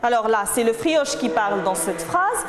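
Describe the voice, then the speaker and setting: A woman teaching a French lesson, explaining slowly and patiently and checking in with her students as she goes. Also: a little high, big pitch swings, echoey room, slight background noise. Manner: explains patiently, slow and repetitive, asks "d'accord?". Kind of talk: recorded lesson.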